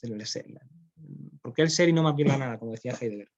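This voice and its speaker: Teaching philosophy to a class, a man with a Spain Spanish accent walks through ideas step by step and often checks that students follow. He speaks quickly at medium pitch, in a muffled recording.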